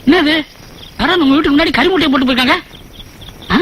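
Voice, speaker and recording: A man's voice: extremely high pitch, fast talker, a bit bright, slight background noise. An actor playing a flustered middle-aged village father who blurts startled grunts in a film comedy. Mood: bumbling. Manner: bumbling, with frequent startled "aa?" grunts. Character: fussy, flustered, smitten widowed village father. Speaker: father of a grown daughter. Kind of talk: Tamil film comedy dialogue.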